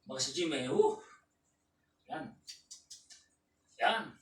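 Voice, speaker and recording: A Filipino man coaching a patient through exercises, counting reps aloud and shouting cheers. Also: fairly high pitch, lively intonation, normal speed. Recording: roomy, distant, faint room noise.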